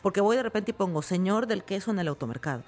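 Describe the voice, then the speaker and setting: Lively Mexican woman telling stories. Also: mid-range voice, quick pace. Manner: lively storytelling, acts out quoted voices. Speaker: guest, actress and stand-up comedian. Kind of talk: casual interview chat.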